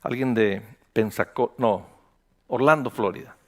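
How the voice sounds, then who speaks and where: Speaking a little slowly in a lowish voice, a male pastor delivers his sermon like a story, chatting with the congregation and performing the characters' dialogue with animation.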